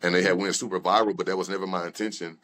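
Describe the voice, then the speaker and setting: A man's voice: deep voice, fairly even intonation, rapid-fire, fairly bright tone, slight background noise. A young man, a rapper and guest, telling his personal story candidly in loose conversational talk with many fillers and restarts. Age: young adult.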